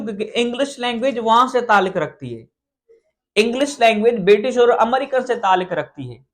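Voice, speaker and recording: A man's voice: very high voice, fairly bright tone. A man from Pakistan with a Pakistani accent, giving an earnest lecture as an English teacher. He repeats his points and drops English phrases into his talk. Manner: earnest, repetitive, mixes English phrases into Urdu-Hindi. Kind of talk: explanatory lecture.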